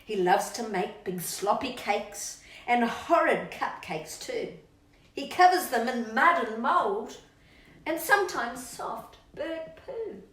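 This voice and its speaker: With a fairly high, expressive, slightly bright voice, a storytime channel host reads slowly to children, drawing out words playfully. She chats to her pet dog between lines, and the distant microphone picks up a roomy echo.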